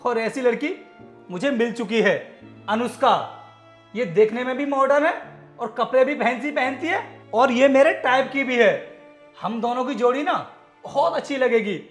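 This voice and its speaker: A man's voice: extremely high pitch, moderate pace. An actor playing an arrogant company manager who scorns his village-born wife, harsh and domineering in a short film drama. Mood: scornful. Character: arrogant man, cheating husband. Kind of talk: Hindi short-film acting. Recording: echoey room, music underneath.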